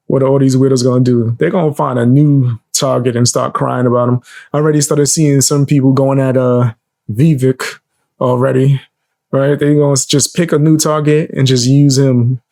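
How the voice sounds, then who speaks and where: A man with a gravelly, creaky voice chatting casually as a co-commentator. He is blunt and opinionated but laid-back, speaking at a middling pitch. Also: flat delivery, normal speed, warm tone. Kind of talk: casual reaction chat.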